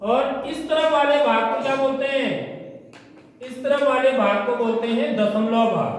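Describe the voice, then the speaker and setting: High-voiced male teacher in echoey classroom. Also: a little slow. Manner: quizzes the class and repeats their answers; keeps checking understanding. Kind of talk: classroom maths lesson. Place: classroom with pupils. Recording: echoey room with long reverb.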